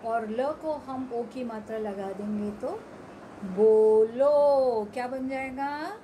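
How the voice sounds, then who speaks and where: A woman teaching young children, stretching each drill word out slowly and clearly. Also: on the high side, darkish tone, a little hiss or hum, rough recording. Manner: slow, drawn-out word-by-word pronunciation drills. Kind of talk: Hindi phonics lesson for young children.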